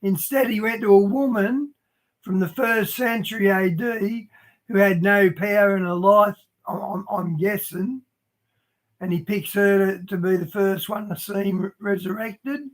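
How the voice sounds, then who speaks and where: A man's voice: sits high, fairly even intonation, measured pace. A man adding musing, conversational asides in a casual talk. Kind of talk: casual commentary.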